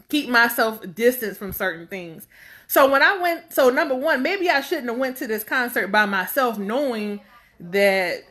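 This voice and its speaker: This thirty-something vlogger chats casually to her camera, outspoken and blunt, wandering from point to point with lots of fillers. Her voice is on the high side, pushed and bright.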